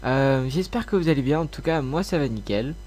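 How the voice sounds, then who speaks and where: Casual tutorial host, male, mid-pitched voice blocked by a cold, informal and halting delivery. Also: expressive, a little mellow. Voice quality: congested, blocked-nose sound. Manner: informal, hesitant, mildly sweary. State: slightly ill with a cold.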